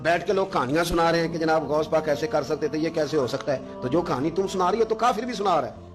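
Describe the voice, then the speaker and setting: A man preaching a sermon, telling a saint's story and swinging between soft low asides and loud scolding. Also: fast. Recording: music playing under the speech.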